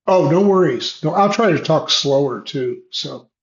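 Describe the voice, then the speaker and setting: Male Q&A host, slightly high voice, halting delivery full of restarts; dull, lo-fi audio with a bad connection that cuts out. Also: animated. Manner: halting, frequent restarts and fillers. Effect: unstable, cutting-out video call connection. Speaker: host of online Q&A session. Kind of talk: casual explanatory talk on a video call. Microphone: video call. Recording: lo-fi choppy online call audio.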